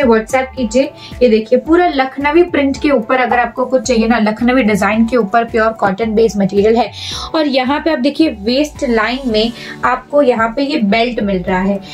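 A young Indian woman presenting clothing in a shop with a chatty, persuasive sales patter, repeating words for emphasis. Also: fairly high pitch. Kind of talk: product showcase sales pitch. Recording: voice a bit far from the mic, music underneath.

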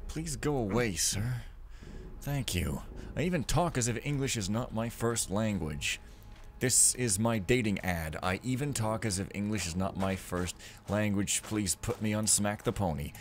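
A man with a lowish, unhurried voice rambles casually over a stealth game, tossing out sarcastic jokes and asides as a let's play commentator. There's a faint hiss or hum in the audio.

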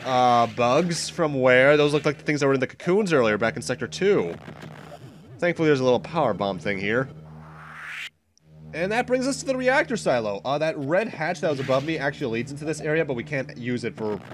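A young let's play host with a stuffy nose gives chatty, casual commentary while playing a game, sometimes correcting himself and laughing now and then. His mid-range voice is animated and a little fast, with slight hiss or hum, and game music plays behind him.

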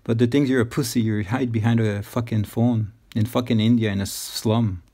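A man's voice: mid-range voice, fairly even intonation, moderate pace, a crowd in the background. A man hosting a scam-baiting video, taunting a caller with constant swearing and mocking laughs. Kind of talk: profane taunting phone call.

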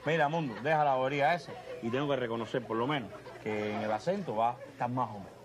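Guy, talks fast, teasing n scolding, laughy, noisy bg. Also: mid-range voice. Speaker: comedian. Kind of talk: comedy sketch. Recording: noisy background.

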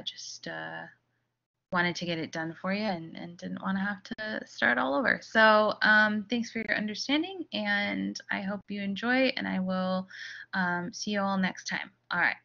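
A woman's voice: medium pitch, vocal fry, pushed and bright. A woman giving a recorded lecture, talking loosely with many fillers and restarts. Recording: slightly dull audio.

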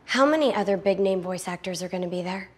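A young woman playing a sharp-tongued, no-nonsense actress in a scripted comedy, curt and sarcastic. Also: medium pitch, fast talker, lightly acted. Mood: irritated. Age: young adult.

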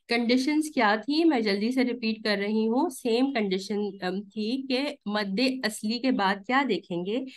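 A woman teaching a live online recitation class, patiently explaining rules step by step and checking in with her students. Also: mid-range voice. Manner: stretches recited vowels to counted lengths.

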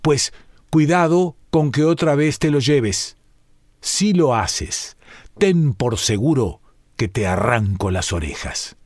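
A man's voice: lively intonation, takes it slowly, dry recording, clean studio sound. Fierce old colonel, as a man puts him on. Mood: gruff. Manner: booming, gruff questioning. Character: fierce old male colonel, thunderous yet tender.

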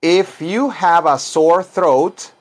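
At a very slow pace, a middle-aged English teacher and self-styled chaplain repeats phrases and spaces out words as though dictating. His voice is slightly high for a man, and he gives this informal lesson in Spanish and English indoors, in a small wood-paneled room.

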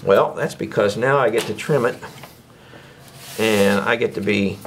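Over very noisy audio, an older woodworking instructor with a fairly low, gravelly voice chats his way through a casual demonstration at an indoor workbench. He moves at a measured pace, folksy in tone, tossing out rhetorical questions as he goes.

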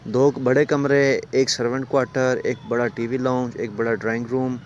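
A Pakistani Urdu-accented property dealer films a walking tour of a large empty rental house on his phone, covering the interior and the stairs. He speaks at medium pitch with a flat delivery and moderate pace, salesy and forever pointing things out; the recording has highs cut off and a little hiss or hum.

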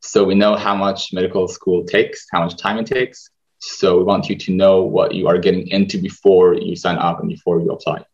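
Low-voiced man hosting a webinar. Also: moderate pace. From Israel. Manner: relaxed, hesitant with many fillers. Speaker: webinar host, medical student. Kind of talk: presenting a webinar over slides. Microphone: video call webcam. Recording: dull video-call audio.

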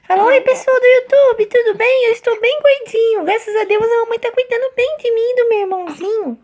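A woman's voice: very high voice, fairly quick, darkish tone, voice pushed up. A woman voicing a cheerful chubby infant boy in squealing, sing-song baby talk with a Brazilian Portuguese accent.

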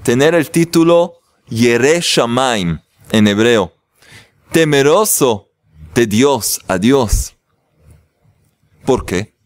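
A man's voice: medium pitch, lively intonation, very slow, pauses often, dry recording. A man, a rabbi, teaching a religious class, joking with his audience and then explaining the text.

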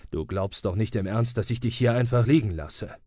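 A man's voice: lowish voice, moderate pace, dark tone, no echo, clean studio sound, natural voice. Guy voicing a tough adventurer, firm and stubborn, speaks up, audiobook. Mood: firm, reassuring. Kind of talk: audiobook reading.

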